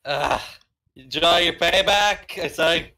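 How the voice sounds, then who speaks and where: Bright, higher-pitched man role-playing casually. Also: a little slow, gravelly. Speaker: tabletop game player. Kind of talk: casual role-play chat.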